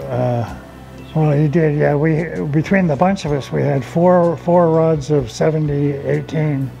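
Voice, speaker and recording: Standing on a driveway by an open garage, an American off-road enthusiast in his seventies recounts old memories. His mid-range voice is creaky and warm, captured on a rough recording. The storytelling is folksy and relaxed, sprinkled with "you know."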